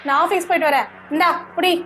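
A woman's voice: very high voice, fairly even intonation, fast, pushed and bright. Woman as a bossy, scolding employer. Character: stern rich mother, bossy toward her maid. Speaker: employer and mother. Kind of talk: comedy skit acting.

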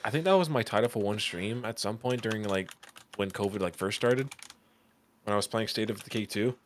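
At home indoors, a livestreamer in his thirties chats casually with friends while gaming, rambling, swearing and laughing a lot into a headset and desk mic. His voice is fairly low and brisk, with slight background noise.

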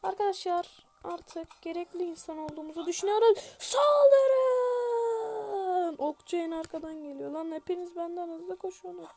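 A woman giving casual gameplay commentary, chatty and self-mocking, shouting orders at her troops. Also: very high voice, fairly even intonation, brisk, creaky. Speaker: gaming youtuber.

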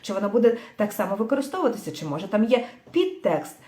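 Female language teacher, thoughtful, filler-heavy delivery, mid pitch, echoey room. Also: sing-song, dark tone. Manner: thoughtful, pauses with fillers, mixes in English words. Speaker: English teacher. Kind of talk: livestream language lesson.

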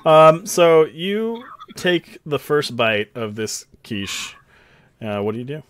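A man's voice: a little high, big pitch swings, slow pace, fairly bright tone, slight background noise. A man narrating as dungeon master in a casual, chatty way. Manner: casual, chatty, lots of fillers and laughs. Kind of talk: narrating a tabletop game.

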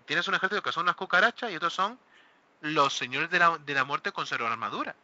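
A man hosting a casual hobby talk show, animated and exclaiming, often acting out what other players say. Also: fairly high pitch, fast talker, no echo. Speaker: host of a miniature wargaming talk show. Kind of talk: casual panel chat. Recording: dull lo-fi recording.

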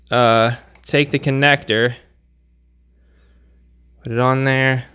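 Smooth and fairly bright at medium pitch, the man's voice accompanies his workshop repair tutorial. As the channel's host, he keeps it casual and talks while working with his hands.

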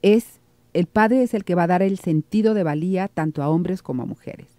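A middle-aged woman with a Mexican accent, a radio psychologist hosting a call-in show, explaining calmly and reading out listener messages. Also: lowish voice, moderate pace, no room sound.

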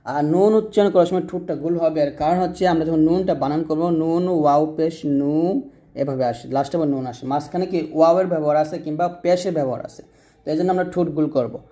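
Male recitation teacher, patient drill style, slightly high, mellow tone. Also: racing. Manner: patient, repetitive drilling with call-and-repeat prompts. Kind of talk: instructional lesson on Arabic letter pronunciation.

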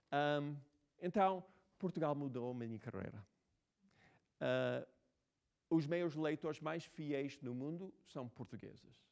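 A writer in his sixties from the United States is being interviewed casually, telling stories in Portuguese, a second language he speaks with an American English accent. His voice is a little high and darkish, with vocal fry, and he restarts often and fills pauses.

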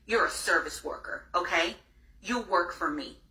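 A woman's voice: fairly low pitch, moderate pace. Woman as entitled bully customer, harsh piercing voice, echoey far-off recording. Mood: contemptuous. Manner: scornful, bossy, shouting down interruptions. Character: entitled rude woman customer berating an agent. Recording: echoey playback heard from far off.

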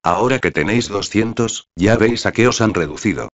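A man's voice: fairly low pitch, lively intonation, brisk, highs cut off. A man voicing an impatient, haughty nobleman who talks with scorn. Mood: scornful.

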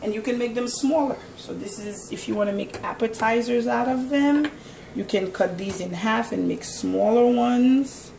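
With a warm, higher-pitched voice and a touch of vocal fry, a woman hosts a cooking channel demo in her home kitchen, talking at a moderate pace. She's chatty and instructive, explaining every step as she cooks. Her camera mic is across the room, so the kitchen echoes and background noise comes through.

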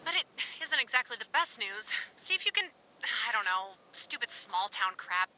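An actress playing a brisk, sardonic woman giving orders over a walkie-talkie radio. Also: a little high, big pitch swings, bright, forceful tone, heavily acted. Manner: quick, breezy and sardonic.

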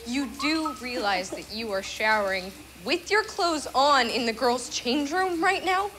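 High, bright, exasperated teenage girl. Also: expressive, measured pace, full character voice, rough recording. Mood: alarmed. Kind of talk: TV teen drama acting.

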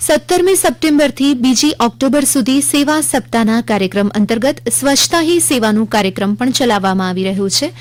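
A woman with a Gujarati accent reading a scripted regional radio news bulletin in a measured, formal way. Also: a little high, animated. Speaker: news reader.

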